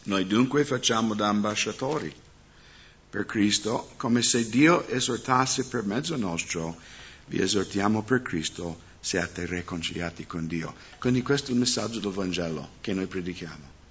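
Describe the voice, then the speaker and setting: A man's voice: lowish voice, normal speed, fairly bright tone, husky. A man preaching as a pastor, speaking to his congregation and often asking them questions. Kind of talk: sermon. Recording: dull muffled sound.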